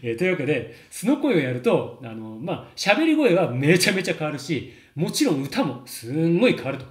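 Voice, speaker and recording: A man's voice: a little high, very animated, brisk. A man in his thirties, a voice coach explaining in a casual, chatty lesson with many fillers and laughs. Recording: roomy echo.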